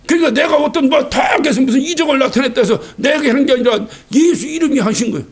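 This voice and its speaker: A male pastor preaches a Sunday sermon with a strikingly high voice that swings up and down through wide, lively pitch. His tone is gravelly and husky, and he keeps asking rhetorical questions and acting out quotes. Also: fast talker. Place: church sanctuary.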